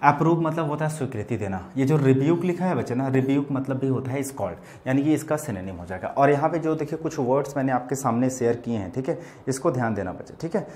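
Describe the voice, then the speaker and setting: Guy teaching english words in hindi, keeps saying theek hai, drags out the examples slow. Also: mid-range voice, expressive, a little mellow. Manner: addresses students as bachelors "bachche", repeats "theek hai" often; stretches out words and example sentences slowly. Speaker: vocabulary teacher. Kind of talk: classroom vocabulary lesson.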